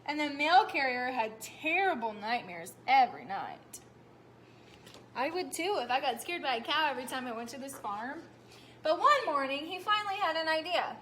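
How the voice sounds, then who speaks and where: Bright-voiced teacher reading a picture book. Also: female voice, high voice, moderate pace, slight background noise. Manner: animated storytelling with questions to young listeners.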